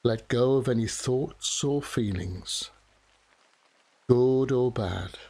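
A man narrating a guided relaxation meditation in a soft, soothing, measured manner with long pauses. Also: medium pitch. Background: steady rain.

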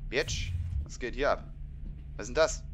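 A man's voice: medium pitch, fairly quick, slight background noise. A man hosting a horror game let's play, jumpy and swearing, yelping at scares and mixing English curses into his chatter. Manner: sprinkles English curses into German. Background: game music.

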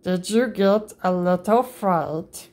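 A storybook reader, a woman with a darkish tone, reads a picture book aloud to children slowly and in a sing-song way, leaping up high on the playful sound words.

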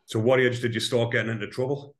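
A man hosting a podcast, asking his guest relaxed, short questions in a casual interview. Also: medium pitch, fast talker. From England. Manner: relaxed, asks short questions, laughs along. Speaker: podcast host.

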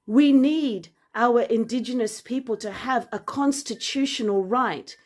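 Her voice a little high, a woman raised in Zambia, a vlogger and author, addresses a phone camera held at arm's length with earnest passion. She begins measured but grows forceful and indignant, speaking from an indoor room with large windows and plants.

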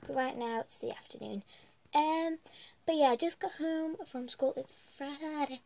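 A teen girl, losing her voice, rambles through a casual vlog in her small bedroom, filmed on a webcam or phone at arm's length. Her high-pitched voice is warm with vocal fry and no room sound, and her talk is chatty, slow and hesitant, full of ums.

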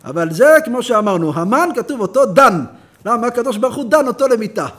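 A man who is a rabbi, giving a Torah lesson in a synagogue as an animated storyteller who acts out the characters in his stories. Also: very high voice. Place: synagogue hall.

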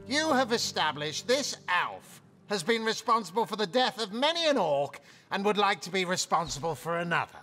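An actor playing a haughty, sardonic guard captain who sounds disdainful, in a fantasy video game. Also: male voice, high voice, very animated, moderate pace, sharp tone, soft background music, full character voice.

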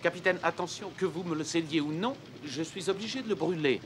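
An actor playing a composed, resolute gentleman traveller in his thirties, polite and clipped, in a French film dub. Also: on the high side, fairly quick, background noise, close to an everyday voice. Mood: coolly polite. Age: 30s.

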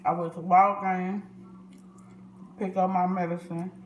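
Woman mukbang vlogger talking through a full mouth, unhurried, echoey room. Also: fairly low pitch, little pitch movement, dull audio. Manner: chatty, addresses viewers as y'all. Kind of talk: casual eating vlog chat to viewers. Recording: echoey room with noticeable noise.

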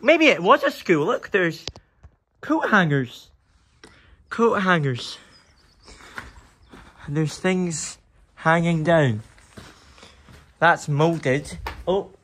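A young man with a bright, lively voice that bounces up and down in pitch. He mutters and exclaims to himself, easily spooked, as he films on a handheld phone in and around a derelict building, with faint noise behind him. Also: slow pace, long pauses. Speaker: urban explorer vlogger. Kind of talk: nervous walking commentary.

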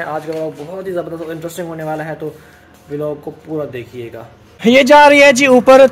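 A man's voice: a little high, a little mellow. A man vlogging casually, chatty as he explains building work around his house step by step. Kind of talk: casual home vlog chat.

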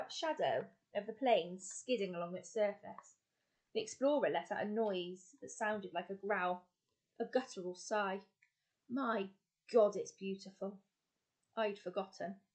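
A woman's voice: medium pitch, normal speed. Woman teacher reading a storybook aloud. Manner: steady narration with small self-corrections. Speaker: teacher reading a children's novel.

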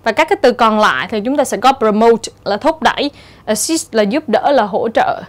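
A woman teacher with a Vietnamese accent, explaining exam answers step by step and reading English example words slowly. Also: fairly high pitch, lively intonation. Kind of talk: exam-prep lecture.

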